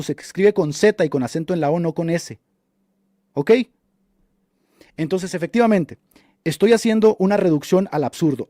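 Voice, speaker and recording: Fast, high-voiced scornful male radio host. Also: darkish tone, no echo, studio quality. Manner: mocking and scornful, insults opponents; argumentative, lecturing with rhetorical questions. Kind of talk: combative live commentary answering a chat.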